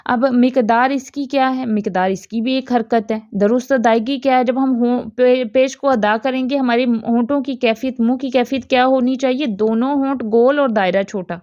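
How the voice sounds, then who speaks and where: A woman's voice: fairly high pitch, steady tone, few pauses, darkish tone, dry recording, dull audio. A woman teaching Quran recitation, asking questions and answering them herself, with many repeated examples. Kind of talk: tajweed lesson.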